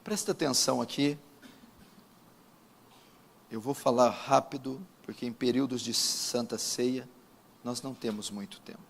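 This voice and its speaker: A man with a Brazilian Portuguese accent, a pastor praying and preaching at a church service, solemn and emphatic with drawn-out pauses. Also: mid-range voice, gravelly, long reverb tail, a little hiss or hum. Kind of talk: sermon with opening prayer.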